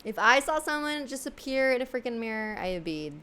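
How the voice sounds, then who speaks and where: A young woman hosts a casual storytelling session, reading viewer stories aloud with giggles and plenty of fillers in between. Her voice is a little high, animated, and fairly quick, with a pushed, bright, clear, and resonant tone.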